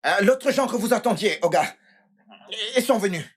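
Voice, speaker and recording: A woman's voice: normal speed, slight background noise, natural voice. A woman dubbing an eager, deferential young house help in a French-language film dub, announcing visitors to her boss. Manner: excited and deferential, high-pitched.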